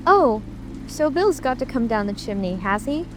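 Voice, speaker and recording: A woman's voice: on the high side, very animated, normal speed. A woman playing a curious, plucky, indignant young girl talking decidedly to herself in a dramatic audiobook. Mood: musing, curious. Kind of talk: dramatic audiobook character acting. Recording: music and rain ambience behind.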